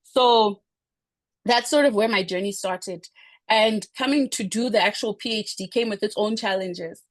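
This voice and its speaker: A woman's voice: medium pitch, normal speed, no room sound. A woman in her thirties from Zimbabwe, giving a talk in a conversational way with many fillers and restarts. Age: 30s. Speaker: speaker. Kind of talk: informal presentation talk.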